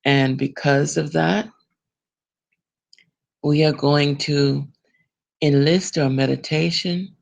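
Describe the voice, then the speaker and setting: A woman reverend hosting a spiritual broadcast, talking in a gentle, smiling, meditative way. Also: low voice, steady tone, slow, creaky, long pauses. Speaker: reverend and host of a spiritual program. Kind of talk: slow spiritual broadcast talk.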